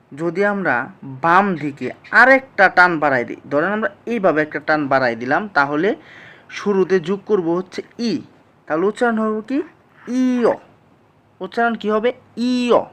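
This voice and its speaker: A teacher giving a slow, patient language lesson, explaining each sound step by step and repeating it back to the class. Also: medium pitch, fairly bright tone.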